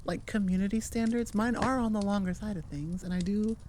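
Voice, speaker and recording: A woman wraps up her audio channel with a loose, meandering outro, joking at her own expense and straying onto tangents. She speaks briskly at medium pitch with a darkish tone, sitting at a computer mic that feeds into audio software. There's a bit of hiss or hum.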